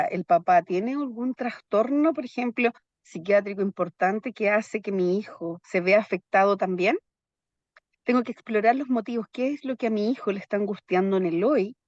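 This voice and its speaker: A woman's voice: medium pitch, darkish tone, no room sound, highs cut off. A woman psychologist explaining in an interview, constantly checking in with her listener through little tag questions. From Chile. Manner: keeps checking in with "¿ya?" tags.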